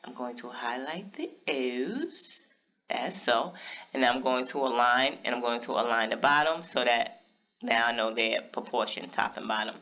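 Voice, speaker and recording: A man casually narrating a step-by-step craft software tutorial, talking straight to his viewers. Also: mid-range voice, fairly even intonation, normal speed. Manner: casual step-by-step explaining, talks to viewers directly.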